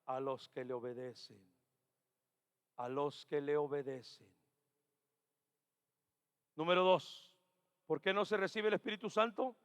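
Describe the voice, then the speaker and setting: A man preaching a Pentecostal sermon as pastor, dropping to quiet murmurs, then rising to shouted exhortations, and repeating key phrases. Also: fairly high pitch, measured pace, long pauses, clear, resonant tone. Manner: acts out doubting churchgoers' questions. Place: church sanctuary. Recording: reverberant church hall.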